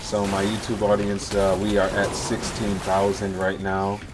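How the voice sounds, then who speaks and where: An American livestreamer from Miami, Florida, gives relaxed, easygoing live gaming commentary. His voice is fairly low and completely flat, and he speaks unhurriedly over a noisy background of music and game sounds.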